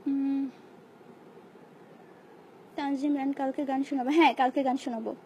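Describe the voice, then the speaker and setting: Hoarse young woman chatting with viewers. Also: high-pitched, steady tone, normal speed, a little mellow, slight background noise. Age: young adult. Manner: chatty, playful, mixes English phrases into casual replies. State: hoarse, sore throat. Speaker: live-stream host reading viewer comments. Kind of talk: casual live chat answering comments.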